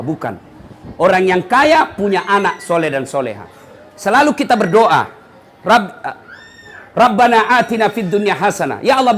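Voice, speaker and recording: A man preaching a humorous sermon to an audience, lively and teasing, mimicking the people he talks about. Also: sits high, slight background noise. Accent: Makassar.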